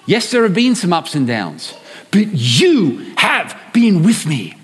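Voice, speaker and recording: A man's voice: high-pitched, wildly swooping pitch, slow pace, breathy edge, long reverb tail. A man preaching a sermon, emphatic and often asking his listeners rhetorical questions.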